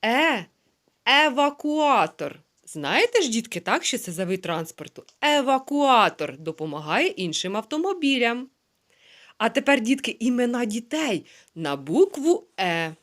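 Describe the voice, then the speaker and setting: A woman teaching a phonics lesson to young children, sounding out words slowly syllable by syllable. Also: fairly high pitch, very animated. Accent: Ukrainian. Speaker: preschool teacher.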